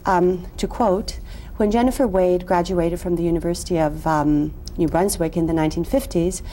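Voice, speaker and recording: A woman hosting a TV interview in a restaurant, chatty and quick to laugh. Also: fairly low pitch, warm tone, slight background noise. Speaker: interview host. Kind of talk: TV interview chat.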